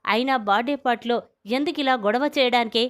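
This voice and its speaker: A woman's voice: on the high side, quick pace, a bit bright, smooth, close to an everyday voice. A woman voicing a stern young man who scolds others as the protective elder brother. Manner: firm, scolding.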